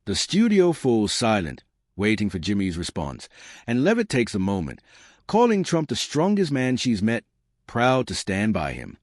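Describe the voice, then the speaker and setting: A man's voice: fairly low pitch, huge pitch swings, moderate pace, no room sound, clean studio sound. A man narrating a scripted, dramatic story.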